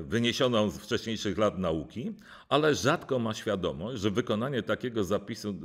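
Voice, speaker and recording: A man, a music professor, reading a formal academic lecture in a measured way with occasional hesitations. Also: fairly low pitch. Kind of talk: read-aloud academic lecture.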